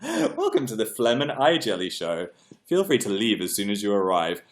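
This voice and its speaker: Speaking at a moderate pace in a lowish voice with huge swings in pitch, a young male streamer chats casually with his audience. He sounds congested, keeps clearing his throat, reads comments aloud, and makes jokes at his own expense.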